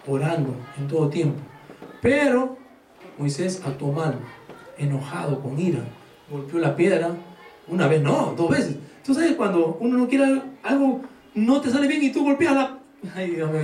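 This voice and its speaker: A male pastor preaching a sermon to his congregation, animated and joking, firing rhetorical questions at them. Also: high voice, slight background noise. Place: church hall. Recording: echoey hall, voice from far off.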